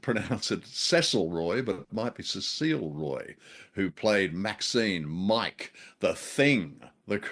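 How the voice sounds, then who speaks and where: A man's voice: fairly low pitch, fairly bright tone. A man co-hosting a podcast, chatting in a wry, chuckling way as he reviews an old radio play. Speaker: podcast co-host. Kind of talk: casual review discussion.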